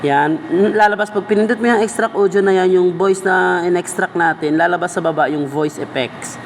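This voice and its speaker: In this video editing tutorial, a man with a Filipino accent goes through the process step by step and speaks to the viewer like a buddy. His voice sits high at a moderate pace, with a little hiss or hum in the audio.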